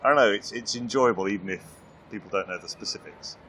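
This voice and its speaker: A podcast host from England, interviewing a guest in a friendly, teasing way with quick laughs. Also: sits low, fairly bright tone, slight background noise. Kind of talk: casual interview chat.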